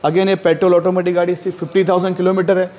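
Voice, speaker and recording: A man's voice: high-pitched, flat delivery, very fast, a little mellow. An Indian man presenting used cars as a dealer, with slick, repetitive sales patter. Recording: reverberant hall-like echo.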